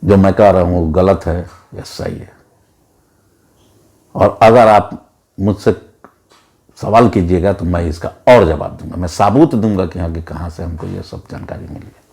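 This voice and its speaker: A man delivers an opinionated commentary monologue. His voice sits a little low and sounds mellow and warm. He lectures emphatically, often repeating words to drive his point home. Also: normal speed, pauses often. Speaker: political commentator.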